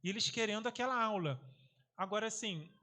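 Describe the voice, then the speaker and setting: A man teacher speaks in an interview with an unusually high voice. He talks at length and reflects on his teaching, quoting his pupils along the way. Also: fairly quick, sharp tone. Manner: talkative, reflective, quotes pupils. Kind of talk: interview, casual recollection.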